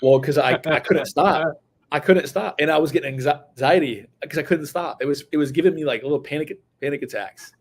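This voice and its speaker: A man's voice: a little high, fast talker, few pauses. A man, co-hosting a casual chat while he has the hiccups, often repeating words as he starts sentences. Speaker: podcast co-host.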